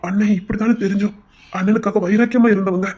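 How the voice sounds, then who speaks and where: A man's voice: sits high, fairly even intonation, fast, a little mellow, muffled recording, a little hiss or hum, close to an everyday voice. A young man acting a pleading, apologetic lover in an audio drama.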